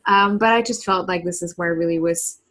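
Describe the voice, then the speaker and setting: Speaking briskly in a lowish voice, this East German woman in her thirties shares her story on a podcast with a German accent. She sounds relaxed and earnest, reflective in tone, laughing easily and often using "like" as a filler in casual storytelling.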